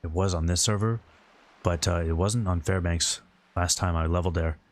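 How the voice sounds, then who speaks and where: A man's voice: low voice, steady tone, normal speed. A man talking informally and ramblingly as he hosts a game livestream and answers his viewers' chat. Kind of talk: casual gaming stream commentary, answering viewer chat.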